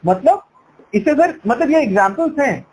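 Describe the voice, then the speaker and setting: With a very high voice and lively intonation, this man talks at normal speed. He's an education sales counselor explaining persuasively on a call, mixing Hindi and English and checking in with tag questions. Noise runs through the sales call recording.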